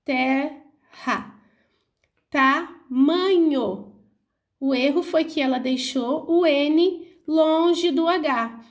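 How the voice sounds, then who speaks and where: Reading through a school workbook, this young adult woman teacher walks her pupils through the answers slowly and clearly, breaking words into syllables. Her Brazilian Portuguese accent colors a voice that sits high and sounds a little mellow.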